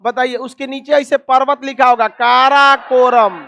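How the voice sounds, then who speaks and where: High-voiced scolding teacher. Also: male voice, level tone, gravelly, sharp tone, no echo. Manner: scolding, calls students donkeys; rapid drilling questions, repeats answers. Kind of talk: classroom map lesson.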